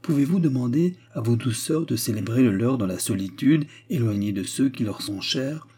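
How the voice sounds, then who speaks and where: A man voicing a cool, reserved gentleman in an audiobook, speaking in a measured way. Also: mid-range voice, lively intonation, breathy edge. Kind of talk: audiobook character reading.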